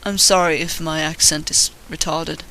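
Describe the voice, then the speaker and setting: A man with a Swedish accent gives a casual voice-over while drawing, narrating his digital artwork in a rambling way, belittling himself and cursing now and then. His voice is on the high side, pushed and bright, with fairly even intonation at a moderate pace. The audio is poor.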